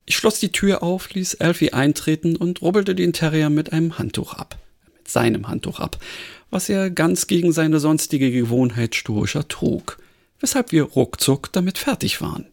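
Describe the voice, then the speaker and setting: A man, a podcast host, reading a crime story aloud with expressive storytelling. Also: a little high, moderate pace, vocal fry.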